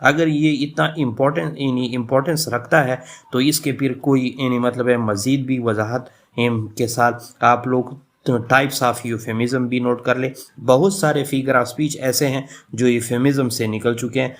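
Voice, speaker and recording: A male professor, explaining a lesson slowly in speech mixed with English terms, with frequent fillers. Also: medium pitch, steady tone. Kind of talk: lecture on English literature.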